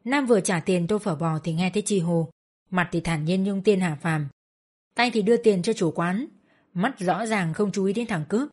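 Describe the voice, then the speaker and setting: Woman reading a story aloud, husky. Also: moderate pace. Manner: lively dialogue, raises pitch for characters. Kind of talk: audiobook narration with character voices.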